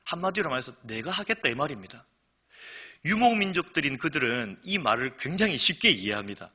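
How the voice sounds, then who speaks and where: A pastor preaching at a midweek service, his delivery swinging between hushed asides and emphatic declarations. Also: on the high side, big pitch swings, brisk, husky, highs cut off. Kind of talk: sermon. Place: church sanctuary.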